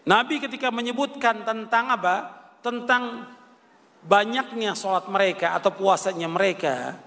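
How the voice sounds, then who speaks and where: An older Islamic preacher delivers a religious lecture in a high, creaky, sharp voice at a moderate pace. He raises rhetorical questions, answers them himself, and repeats key phrases, all in a reverberant hall.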